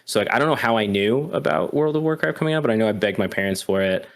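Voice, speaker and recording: A man's voice: medium pitch, lively intonation, quick pace, vocal fry. A man hosting a gaming podcast, handing the turn to his co-hosts and sharing a memory in an easygoing way. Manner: easygoing, prompts others. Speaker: podcast host. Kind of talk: casual chat.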